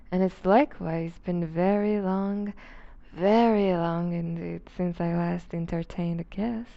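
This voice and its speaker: A woman performs an intimate ASMR roleplay as a seductive, predatory vampire duchess, refined, teasing and condescending, using deliberate formal diction. Her lowish, breathy voice drifts toward a whisper, and the recording's high frequencies are cut off.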